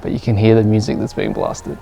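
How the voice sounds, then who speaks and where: A man's voice: on the low side, little pitch movement, brisk, vocal fry, dark tone. Young guy vlogging a tour outside, chatty, says like a lot, bit of street noise behind. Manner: chatty, explains with lots of "like". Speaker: travel vlogger. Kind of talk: casual travel vlog chat. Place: outdoors on a guided tour.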